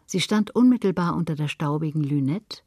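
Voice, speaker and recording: A woman narrating a literary story for radio in a calm, measured way. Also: low voice, no room sound, clean studio sound.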